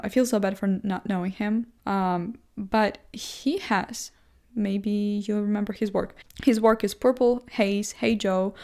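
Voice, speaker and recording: This vlogger, a young woman not native to English, rambles casually from a chair indoors, thinking out loud. She speaks in a mid-range voice, laughs at herself, and fills her talk with fillers and restarts.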